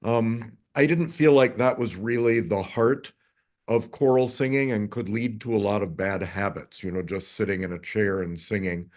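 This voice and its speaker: A man in his fifties, a conductor answering interview questions over a video call, measured and articulate. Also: fairly low pitch, a little mellow. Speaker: conductor, guest.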